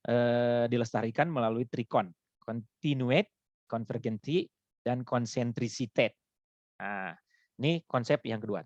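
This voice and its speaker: A man giving a relaxed online lecture, chatty and laughing often. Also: medium pitch, no room sound, muffled recording. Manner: chatty, laughs often, switches into Sundanese words.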